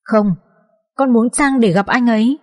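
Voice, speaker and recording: A woman's voice: fairly high pitch, measured pace, voice pushed up, natural voice. A woman voicing a young wife who pleads with her unconscious husband in a tearful, choked voice. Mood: tearful, pleading.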